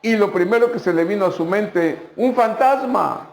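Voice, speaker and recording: A pastor preaches a sermon in a somewhat high voice, emphatic and repetitive, turning often to his listeners. His voice echoes through a church hall. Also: brisk, slight background noise.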